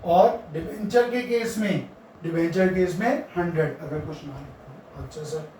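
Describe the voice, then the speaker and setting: Male accounting teacher, high-pitched, quizzes the class and repeats key terms, heard from a distance. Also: a little slow, background noise. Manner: quizzes the students and answers his own questions. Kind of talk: classroom lecture. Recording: very echoey room, mic far off.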